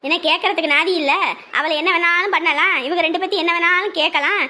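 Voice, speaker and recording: Woman, very high pitch, fierce scolding. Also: fairly even intonation, fast, pushed and bright. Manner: lamenting then fiercely scolding. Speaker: wife of the brother, sister-in-law of the bride's side. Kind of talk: rural family drama acting.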